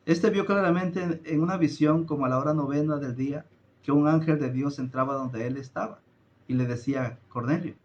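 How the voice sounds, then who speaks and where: A man preaching a Bible study, slowly stressing his points, often addressing his listeners as brothers and reading scripture aloud. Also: on the high side, a little mellow, highs cut off, slight background noise. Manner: slow deliberate emphasis with some filler hesitations. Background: greets a viewer by name, live stream.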